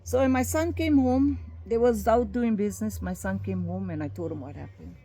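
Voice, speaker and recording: A woman's voice: medium pitch, moderate pace, mellow. An older woman with a Hawaiian Pidgin accent, ranting in a blunt, profane, heated monologue for her video. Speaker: vlogger recounting a dispute. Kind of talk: angry monologue vlog.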